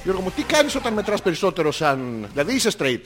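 A man's voice: high voice, big pitch swings, a bit bright. A man co-hosting a podcast in casual comedic banter, teasing and mock-offended, laughing often and making silly sound effects. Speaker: podcast co-host.

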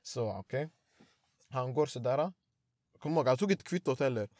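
Young man, animated slangy storyteller, dry close sound. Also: mid-range voice, dry recording. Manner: animated storytelling, acts out quotes, slangy street talk. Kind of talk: casual chat.

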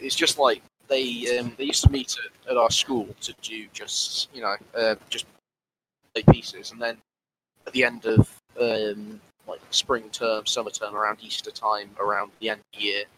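A man chatting on a podcast, telling stories hesitantly with many restarts and pauses. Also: on the low side, background noise. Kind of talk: casual podcast chat.

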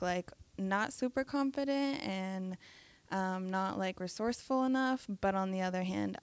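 A young woman in the audience of a live talk shares her story, stuttering and hesitating with frequent fillers. Her medium-pitched voice has vocal fry, and there's no room sound.

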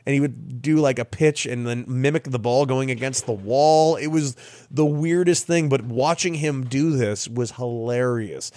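A young man spins a funny story in a lively, chatty way, laughing and acting out other people's lines as he goes. His voice sits at an ordinary middle pitch, and the sound is dry and close, with no room echo. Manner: lively, laughing storyteller who acts out quotes. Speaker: guest, professional baseball player. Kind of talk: casual storytelling.

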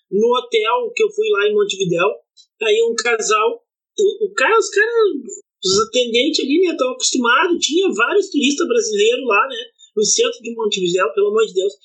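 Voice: medium pitch, a bit bright, rough recording. A speaker telling travel anecdotes on a podcast, indignant and swearing. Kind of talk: casual podcast storytelling.

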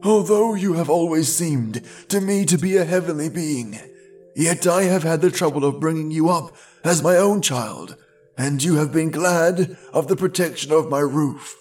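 A man voicing a gentle old bamboo cutter over seventy, speaking slowly and earnestly to his foster daughter in a storybook reading. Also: a little high, faint music behind, natural voice. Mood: earnest pleading. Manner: slow, earnest, pleading. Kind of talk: storybook read-aloud.

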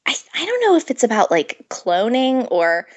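A woman's voice: a little high, wildly swooping pitch, moderate pace, a little mellow, slightly rough, dull audio. A pregnant woman, a food blogger guest, chatting casually in an interview, giggling often and filling her speech with "like". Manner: chatty, giggly, lots of filler "like".

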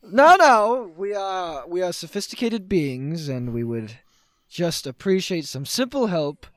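A man's voice: sits high, very animated, unhurried, a bit bright, no room sound, exaggerated voice. A man voicing a scheming, pompous chess king piece that talks in a grand, sly, mock-polite way. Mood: smooth talking.

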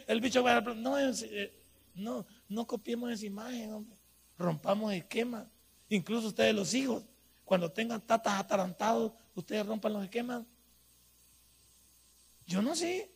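A male pastor with a Salvadoran accent preaches in a high, heavily gravelly voice. His tone is husky rather than clear, and his delivery is folksy and colloquial, breaking into sudden loud bursts. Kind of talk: sermon.

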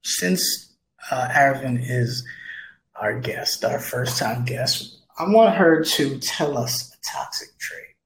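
A man's voice: medium pitch, animated, slow pace, fairly bright tone, slight background noise. A man co-hosting a podcast, chatting casually and joking as he tells a story. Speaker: podcast co-host. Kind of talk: casual chat. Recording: roomy echo.

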